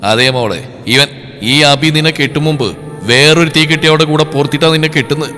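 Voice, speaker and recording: A man voicing an angry, protective father who scolds loudly, over a long reverb and faint music. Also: on the high side, steady tone, fairly quick. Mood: grave. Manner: loud, scolding.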